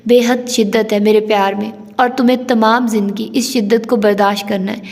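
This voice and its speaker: Teasing young husband, read by a woman, bantering, fairly high voice, long reverb. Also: steady tone, fairly quick, a little mellow, close to an everyday voice. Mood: intense.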